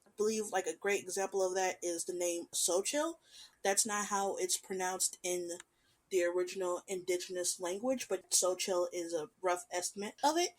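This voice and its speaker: A woman hosting her own show, chatting casually and enthusiastically about an anime she loves. Her voice sits a little low for a woman, but she keeps it animated, with big jumps up in pitch and volume for emphasis. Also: moderate pace. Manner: animated, chatty, expressive swings in pitch and loudness. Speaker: podcast host.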